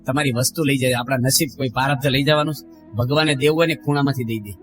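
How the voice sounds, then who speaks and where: A man's voice: mid-range voice, fairly even intonation, fast talker, over music. A middle-aged man, a monk giving a sermon full of stories and acted-out quotes. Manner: storytelling, acting out quotes, rises and drops in voice. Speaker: monk giving a religious discourse. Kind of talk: sermon with anecdotes.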